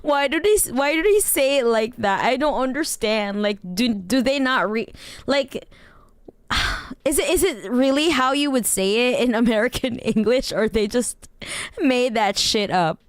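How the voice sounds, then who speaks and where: Woman streamer, smooth and dry. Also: a little high, expressive, unhurried, no echo. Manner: rambling, laughs often, swears casually. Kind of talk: casual livestream chat.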